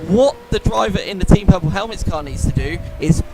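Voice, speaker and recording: A man with a high, slightly nasal and posh-sounding voice commentates a sim race live, talking a little fast over loud music. He's animated and chatty, explaining the racing lines as he goes.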